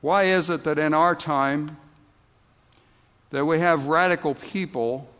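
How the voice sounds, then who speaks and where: A man preaches a sermon in a church, his voice sitting a little high for a man. He takes his time, leaning on words and pausing, then punches out emphatic lines. The sound carries a long reverb from a large hall. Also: a bit bright, clean tone. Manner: slow, deliberate preaching with emphatic outbursts. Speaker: pastor.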